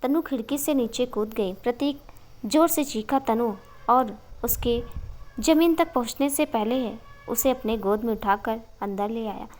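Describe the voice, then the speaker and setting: A woman narrates a dramatic romance story, reading every part in her own voice. Her voice sits a little high for a woman. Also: a little slow, a little mellow.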